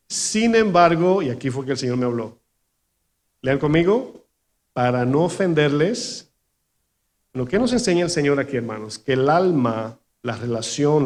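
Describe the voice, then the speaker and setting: A man's voice: medium pitch, darkish tone. A male pastor giving a sermon to his congregation. He tells a personal story, acts out the people he quotes and keeps asking his listeners questions. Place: church in New York.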